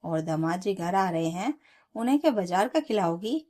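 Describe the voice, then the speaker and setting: Field-by-field: Figure: stern, scolding mother-in-law, played by a woman. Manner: sharp, nagging, sarcastic. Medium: storybook narration. Pitch: mid-range. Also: lively intonation, moderate pace, lightly acted.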